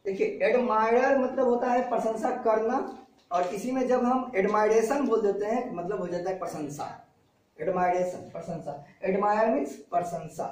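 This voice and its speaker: A man's voice: high-pitched, normal speed, a little mellow, slight background noise. A man teaching vocabulary to a class, repeating each word and its meaning and quizzing his students. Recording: very echoey classroom from far off.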